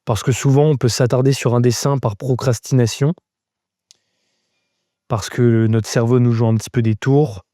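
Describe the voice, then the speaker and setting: A man's voice: medium pitch, fairly even intonation, moderate pace, mellow, dry recording, studio quality. A man giving a live-stream drawing lesson, thinking aloud step by step as he sketches and chatting casually with viewers. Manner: answers chat viewers casually. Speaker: drawing teacher.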